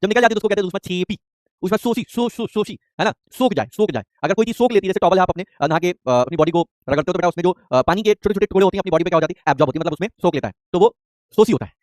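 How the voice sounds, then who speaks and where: A man with a fairly high voice delivers a chemistry lesson at breakneck speed. He repeats terms again and again and keeps firing quick questions at his students. The sound is dry and close, with no room echo. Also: lively intonation. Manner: rapid, repetitive, quizzing students with call-and-response questions. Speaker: chemistry teacher. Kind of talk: live online class lecture.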